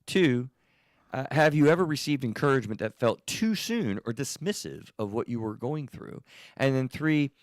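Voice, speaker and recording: A man hosting a casual podcast, animated and laughing easily, with rambling restarts. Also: mid-range voice, normal speed, dry recording, clean studio sound. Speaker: podcast host.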